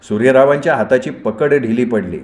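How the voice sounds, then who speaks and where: A male storyteller reading a novel aloud in a dramatic, expressive way. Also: mid-range voice, a little fast. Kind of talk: novel read aloud with character voices. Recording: roomy echoey recording.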